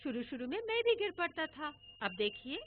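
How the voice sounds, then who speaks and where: A woman's voice: high-pitched, sing-song, normal speed, voice pushed up. A woman voicing a teasing old grandfather who chants rhyming jokes in a singsong, mock-serious way. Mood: mock-serious joking. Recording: tinny phone-like audio with faint hiss.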